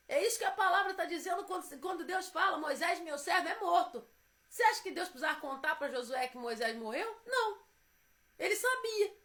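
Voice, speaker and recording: A woman's voice: high-pitched, pushed and bright. A woman preaching a devotional sermon, emphatic and repetitive as she urges her listeners on.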